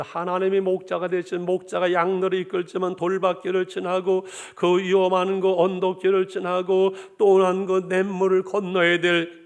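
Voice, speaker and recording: A man's voice: fairly high pitch, clean tone. Man preaching a sermon. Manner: preaching with swells of emphasis, addressing the congregation directly. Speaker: pastor.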